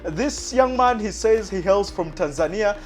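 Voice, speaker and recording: A man's voice: high-pitched, expressive, measured pace, soft background music. A male talk show host introducing and teasing his guest in a hyped, playful way, laughing often. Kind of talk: lively show hosting.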